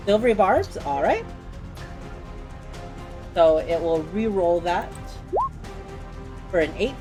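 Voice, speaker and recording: A woman's voice: on the low side, lively intonation, slow pace, music in the background. A woman casually running a tabletop game as game master, explaining things in an accommodating way.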